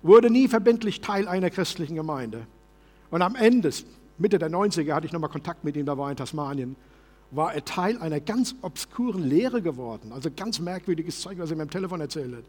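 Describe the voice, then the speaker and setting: A man preaching a sermon as pastor in a church service, passionate and shifting from loud to soft. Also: a little high, lively intonation, brisk, in a large hall.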